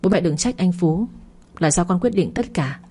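A woman's voice: fairly low pitch, lively intonation, moderate pace, slightly rough. A woman voicing a weary, meek young daughter. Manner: meek, quiet.

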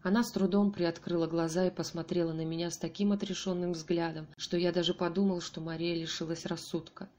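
Female audiobook narrator, lowish voice, steady first-person reading. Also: brisk, few pauses. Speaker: audiobook reader.

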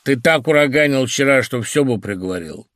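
A man voicing a gruff, surly middle-aged male builder who speaks curtly and with contempt. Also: medium pitch, expressive, normal speed, no echo, voice pushed up, natural voice.

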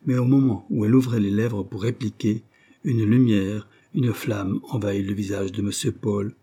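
Husky, mellow male audiobook narrator. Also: on the low side, steady tone. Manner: measured, literary. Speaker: audiobook reader. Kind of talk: scripted narration.

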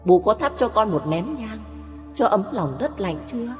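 A woman's voice: mid-range voice, expressive, moderate pace, a little mellow, lightly acted. A woman voicing a vengeful young female ghost bride who speaks bitterly and accusingly in an audio horror story. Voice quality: eerie unvoiced laughing, accusing. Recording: long hall reverb with music.

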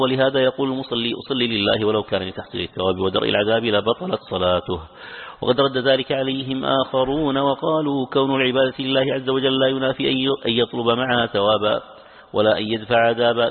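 Brisk male reader on a tinny line. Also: mid-range voice. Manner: brisk recitation with occasional stumbles and self-corrections. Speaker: student reading a classical text to his teacher. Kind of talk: reading a classical commentary aloud. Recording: tinny phone-like lecture recording with long hall reverb.

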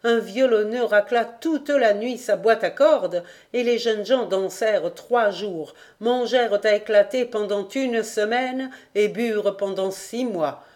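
A woman narrating an audiobook in a measured, descriptive reading. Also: medium pitch, a little mellow. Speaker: audiobook reader.

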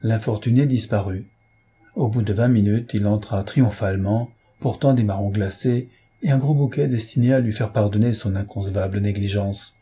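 Male audiobook narrator, measured, low husky dark voice. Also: steady tone. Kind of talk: audiobook reading of a classic novel.

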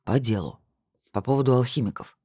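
A reader voicing a hoarse, weary alchemist man. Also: medium pitch, fairly quick, mellow, no room sound, studio quality. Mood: matter-of-fact. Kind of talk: audiobook dialogue.

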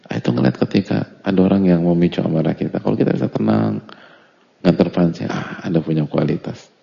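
Deep gravelly preacher in a reverberant hall. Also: male voice, fairly quick. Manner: conversational, asks rhetorical questions, recites Arabic phrases then explains them. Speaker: Islamic preacher. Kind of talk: casual religious study lecture. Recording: reverberant hall, dull lo-fi sound.

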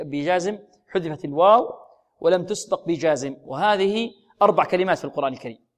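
A man teaching a Quran recitation lesson, asking questions and answering them himself, and drawing out the recited words slowly. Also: fairly high pitch.

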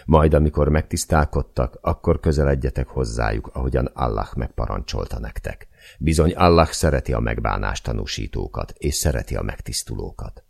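Gravelly, very deep male narrator. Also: expressive, darkish tone. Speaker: audiobook narrator. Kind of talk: first-person novel narration.

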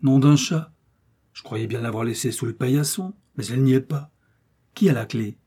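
A man voicing a hurried, impatient father mouse in a storybook reading. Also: mid-range voice, mellow, breathy edge, close to an everyday voice. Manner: brisk, impatient. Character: hurried, harried father mouse, busy worker.

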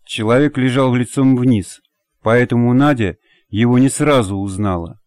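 A man narrating an audiobook with a steady, measured delivery. His pitch sits in the middle of the male range. The recording is dry and close. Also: no echo. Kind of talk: scripted narration.

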